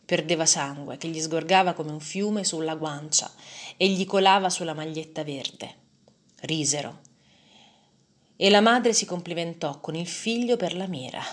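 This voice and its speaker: A woman reading a first-person story aloud in a measured, dramatic way. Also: low voice.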